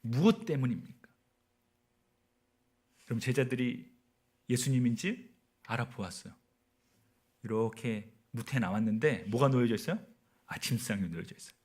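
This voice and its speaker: A man's voice: mid-range voice, lively intonation, moderate pace, long pauses, a little mellow. A man in his forties, a missionary telling a personal story in a sermon and often asking the audience questions. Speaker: missionary preacher. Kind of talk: sermon at a prayer meeting.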